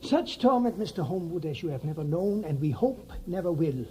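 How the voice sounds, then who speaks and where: An actor playing an elderly, insistent vampire-hunting professor in an audio drama, speaking measured, formal, oddly phrased English. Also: male voice, fairly high pitch, lively intonation, a little mellow, slight background noise, natural voice. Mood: grim, intent.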